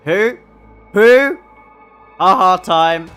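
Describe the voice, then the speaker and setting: A man's voice: sits high, clear, resonant tone, soft background music, voice pushed up, exaggerated voice. A man putting on a robot voice while voicing a game robot's lines. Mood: robotic. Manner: slow, loud, flat movie-quote robot delivery. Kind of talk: gameplay commentary.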